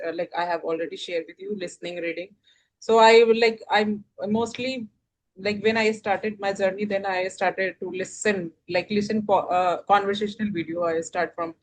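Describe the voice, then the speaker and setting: Casting: Indian-accented woman, casual learner, halting speech full of fillers. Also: mid-range voice, slight background noise, rough recording. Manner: hesitant, many fillers and restarts. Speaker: English learner guest. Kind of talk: casual conversation practice.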